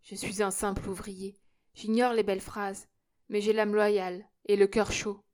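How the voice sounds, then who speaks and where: A woman reading the part of a loyal, warm-hearted young male worker, speaking tenderly and earnestly. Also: medium pitch, level tone, a little slow, natural voice. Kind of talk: audiobook character reading.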